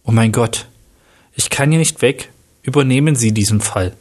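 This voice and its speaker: A man's voice: mid-range voice, moderate pace, a little mellow, close to an everyday voice. A man reading as a weary police inspector. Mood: shocked. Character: weary male police inspector, grieving partner.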